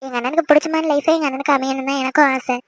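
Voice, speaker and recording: With a natural, high voice and fairly even intonation, a woman talks very fast while voicing a cartoon character. The role is a timid, playful new wife who is coy and fond and protests in a sweet way.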